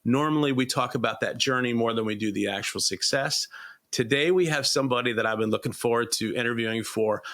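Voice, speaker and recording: Bright-voiced male podcast host. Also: mid-range voice, a little fast. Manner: eager, rambling with frequent restarts. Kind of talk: interview podcast.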